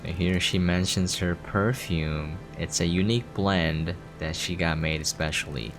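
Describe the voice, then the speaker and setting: Hosting a gameplay preview, a man offers casual commentary in a deep, steady, unhurried voice. Game music plays behind him.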